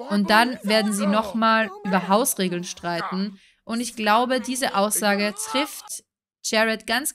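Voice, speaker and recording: A woman's voice: mid-range voice, fairly bright tone. A young woman chatting casually as she narrates her own game play, often breaking into surprised exclamations. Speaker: let's play host. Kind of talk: casual let's play commentary.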